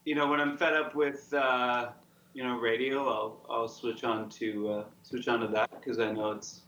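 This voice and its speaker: A man's voice: mid-range voice, level tone, normal speed, fairly bright tone. A man tells easygoing stories with frequent hesitations as a band guest. His voice comes over a video call that sounds roomy and dull, with faint noise behind.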